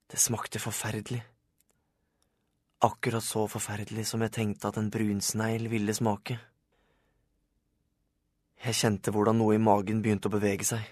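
A man's voice: on the low side, a little mellow, no room sound, studio quality. A man reading a first-person children's audiobook in a plain storytelling manner. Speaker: audiobook narrator. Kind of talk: scripted first-person narration.

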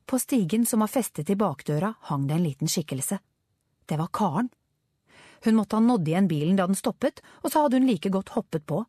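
A woman narrating a children's adventure story with expressive storytelling. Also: mid-range voice, husky, dry recording, clean studio sound. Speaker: audiobook narrator. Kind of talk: scripted narration.

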